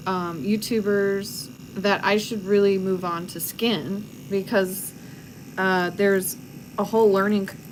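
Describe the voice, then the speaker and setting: A woman's voice: mid-range voice, noisy background. Frank, opinionated woman tattoo artist. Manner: frank, opinionated, laughs easily. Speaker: tattoo artist and channel host. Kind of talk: casual livestream chat while tattooing.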